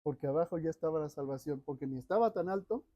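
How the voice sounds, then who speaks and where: A man preaching a sermon, dramatic, swinging between loud urging and hushed lines. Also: a little high, lively intonation, quick pace, dry recording.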